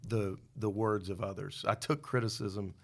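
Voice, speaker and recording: A man's voice: on the low side, fairly even intonation, normal speed, gravelly. A middle-aged man, a podcast guest, telling his own story in a candid, reflective way with some self-deprecating humor. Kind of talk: personal testimony in a podcast interview.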